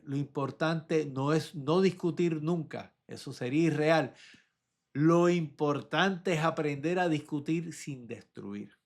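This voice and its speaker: A male physician with a Puerto Rican Spanish accent gives a measured health talk, delivered as short emphatic lists. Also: fairly high pitch. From Puerto Rico. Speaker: physician and podcast host. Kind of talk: scripted health monologue.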